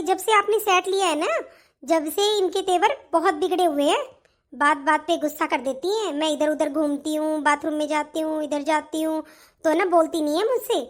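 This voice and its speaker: Woman doing cartoon younger daughter-in-law, sly new bride, whiny, tattling, very high voice. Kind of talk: animated family story voice acting.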